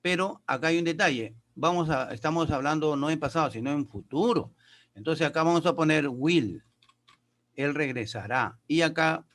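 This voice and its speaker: A male teacher with a slightly raised voice walks his pupils through grammar and pronunciation one step at a time. He reads English sentences aloud slowly and deliberately. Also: on the high side, fairly bright tone. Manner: explains step by step, addresses pupils as kids. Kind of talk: classroom lesson.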